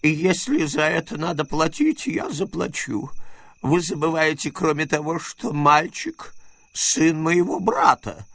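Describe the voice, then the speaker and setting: A man voicing a shrill, frightened old miser uncle. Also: expressive, creaky, fairly bright tone, no echo, full character voice. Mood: pleading, prim. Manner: shrill, pleading, quick to bluster.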